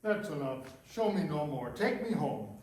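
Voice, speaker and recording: An actor playing an anguished old miser in a radio play, pleading in distress. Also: male voice, fairly high pitch, sing-song, moderate pace, a little mellow. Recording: echoey room, far from the mic.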